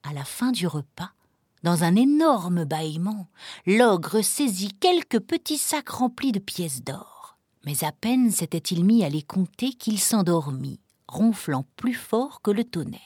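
Woman storyteller, fairy tale reading, lively rising and falling pitch, dry close sound. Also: unhurried, no echo.

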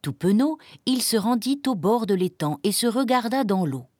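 Woman storyteller, children's book reading, very lively melody, dry close sound. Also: mid-range voice, moderate pace, no echo. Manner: expressive, gentle storybook reading.

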